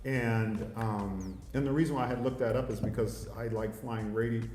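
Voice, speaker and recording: A man, a father and host, chatting casually in a measured, halting way with frequent pauses. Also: on the low side, steady tone, a little mellow. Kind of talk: casual livestream chat. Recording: roomy echo, faint noise.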